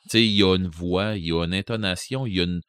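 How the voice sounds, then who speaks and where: Low-voiced Québécois man, rambling. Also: quick pace, a bit bright, smooth, no echo, clean studio sound. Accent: Québécois French. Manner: rambling, many fillers and restarts. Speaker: podcast co-host. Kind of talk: casual chat.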